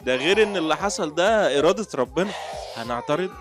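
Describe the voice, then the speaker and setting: A man's voice: on the high side, animated, quick pace, music in the background, close to an everyday voice. A man playing a teasing Egyptian husband. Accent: Egyptian Arabic. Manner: laughing, playful teasing. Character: teasing, doting young husband and father. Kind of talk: radio drama acting.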